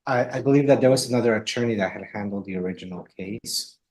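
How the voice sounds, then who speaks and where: Man, defense attorney, courtroom, low voice, husky, fast, hesitant. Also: darkish tone. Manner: hesitant, stumbling. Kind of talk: addressing the court.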